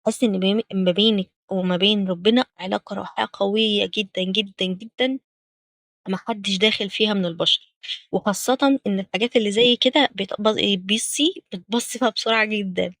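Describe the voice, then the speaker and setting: A woman with an Egyptian Arabic accent giving gentle, direct spiritual advice to young women as host of a talk series. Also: medium pitch, quick pace, no room sound. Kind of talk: spoken religious advice series.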